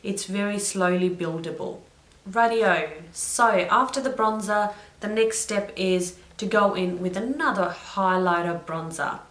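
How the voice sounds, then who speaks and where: A woman's voice: medium pitch, unhurried, fairly bright tone. A young woman talks her way through a makeup routine in an ordinary mid-range voice. She is chatty, wanders into little stories and stops to correct herself. The room adds a noticeable echo around her. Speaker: beauty vlogger. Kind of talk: makeup tutorial chat. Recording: roomy echo.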